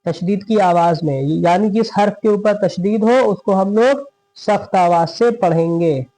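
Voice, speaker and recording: A male Quran teacher gives a tajweed lesson in a high-pitched, dark-toned voice on a low-quality recording. He explains quickly in Hindi, then recites verses slowly and drawn out, stressing doubled letters, repeating words and correcting himself.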